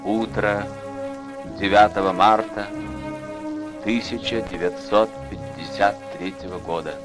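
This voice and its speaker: A man narrating an old newsreel in a solemn, measured mourning tone over an archival soundtrack. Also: lowish voice, fairly even intonation. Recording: archival newsreel with loud funeral music. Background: loud mournful orchestral music.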